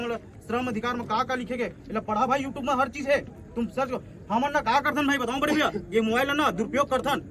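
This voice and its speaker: A man with a Chhattisgarhi accent giving a forceful protest speech outdoors as an activist coordinator, asking rhetorical questions and repeating his points. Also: very high voice, a little hiss or hum.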